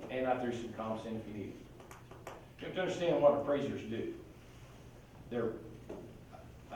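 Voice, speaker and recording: A man's voice: medium pitch, a little mellow, slight background noise. A man giving casual real estate training, folksy and full of anecdotes. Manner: folksy, conversational, tells anecdotes. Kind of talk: casual classroom training talk. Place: training room. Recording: echoey room, mic far off.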